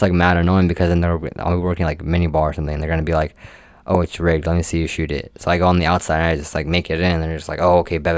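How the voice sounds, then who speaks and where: Young dude rambling about his job, deep voice, says like a lot, dry sound. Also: no room sound. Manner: rambling, heavy use of "like" fillers. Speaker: amusement park game attendant. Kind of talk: casual storytelling vlog.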